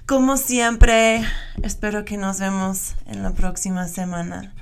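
A woman speaking Spanish with an American accent, hosting a casual radio interview in a relaxed, friendly way. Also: medium pitch, a little slow, gravelly, clean tone. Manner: relaxed, friendly, uses Mexican slang. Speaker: radio show host.

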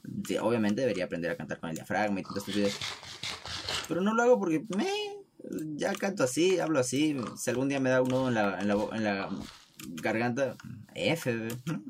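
A young man talks loosely into his podcast mic, jumping between thoughts and restarting sentences, tossing in crude jokes and laughing at himself. His voice sits at a middling pitch and is pushed from the throat. A faint hiss and some keyboard typing sit behind him. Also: expressive, brisk. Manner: chatty, self-deprecating, swears, frequent restarts; speaks from the throat. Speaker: podcast host. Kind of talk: casual rambling monologue.

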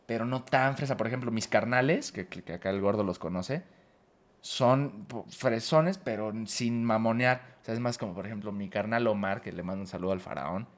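A man's voice: fairly low pitch, normal speed. A young man with a Mexico City accent, co-hosting a casual podcast chat in a crude, joking way and slipping into mimicked voices. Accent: Mexico City Spanish. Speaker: podcast co-host.

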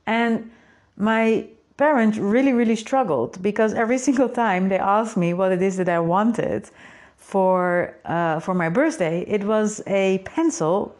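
Speaking a little slowly in a darkish mid-range voice, a woman with the accent of a native Dutch speaker reflects before her creative community. An artist who hosts the group, she keeps her solo talk thoughtful, often asking rhetorical questions and adding "right?".

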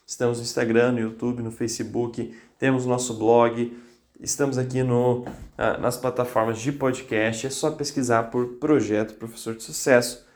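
With a flat delivery and medium pitch, a male podcast host coaches teachers at a moderate pace in an echoey room. His motivational talk is insistent, repeating phrases for emphasis. A cold has him slightly congested, and he coughs from time to time.

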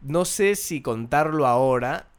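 Animated man telling a story. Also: fairly high pitch, measured pace, smooth. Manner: animated, acts out quoted voices. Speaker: podcast host. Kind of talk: casual storytelling.

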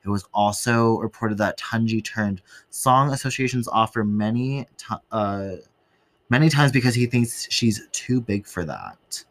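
A man co-hosting a podcast, chatting and gossiping in an expressive way and swearing freely. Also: lowish voice, measured pace, dry recording. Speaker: podcast co-host. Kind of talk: casual gossipy chat.

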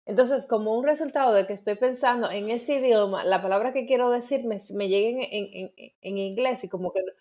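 A woman's voice: a little high, a little fast, a little mellow. Dominican woman chatting casually. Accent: Dominican Spanish. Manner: loses her thread, restarts words while searching for them. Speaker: podcast co-host. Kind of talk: casual chat.

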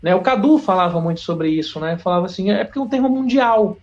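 A Brazilian biologist, a man, talking as a podcast guest in an animated, slangy, emphatic way. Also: sits high, fast. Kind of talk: casual podcast chat. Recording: dull lo-fi audio with faint music.

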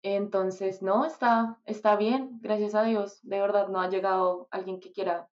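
Soft-spoken woman guest, dull sound. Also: medium pitch, steady tone, unhurried. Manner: soft-spoken, hesitant, fillers. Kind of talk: casual interview chat.

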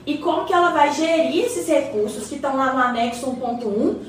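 Slightly fast and lightly acted, a high-pitched Brazilian woman voices an encouraging, well-informed neighbour in radio drama dialogue. She explains things patiently and casually while respectfully addressing the other neighbour; the mic is distant, with a roomy echo and a little noise.

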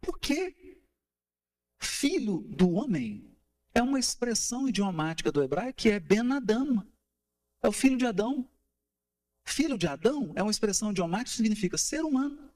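A man lectures to his study group in a high, bright-edged voice that leaps up and down in pitch. He keeps asking the room rhetorical questions and counts out beats to make his point. His delivery is animated and explanatory. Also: quick pace. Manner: animated, asks rhetorical questions, taps out rhythms. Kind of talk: explanatory talk on gospel study.

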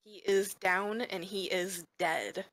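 Slow-paced woman narrating as game master. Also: medium pitch, fairly even intonation, very noisy.

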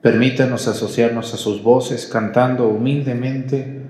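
A man leading Mass as a priest, reciting the liturgical prayers in a solemn, measured way, with the echo of a large church around his voice. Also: medium pitch, steady tone, a little mellow. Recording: echoey church sound from a room mic.

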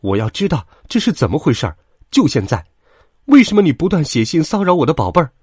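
A man's voice: fairly high pitch, sing-song, a little slow, no room sound, studio quality, voice pushed up. Brief: indignant storybook mother ewe, scolding and demanding, a man doing the voice. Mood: furious. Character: protective, indignant mother sheep.

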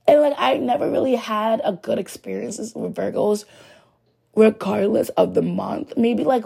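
A young woman hosting a podcast, talking frankly and rambling in a casual monologue while hoarse from losing her voice. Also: mid-range voice, dark tone. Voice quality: gravelly and raspy. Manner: rambling, frank, heavy on "like" fillers. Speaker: podcast host.

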